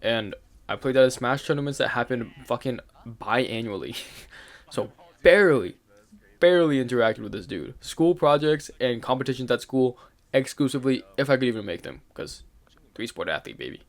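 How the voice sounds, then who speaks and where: A young adult man hosting his own channel tells a personal story in a candid, rambling rant. His medium-pitched voice is expressive and moderately paced, full of fillers and swearing, with a laugh slipping out now and then.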